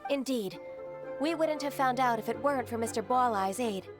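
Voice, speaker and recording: Ganyu, a woman voicing a polite, gentle secretary. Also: a little high, moderate pace, music in the background, natural voice. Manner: soft-spoken, polite and formal.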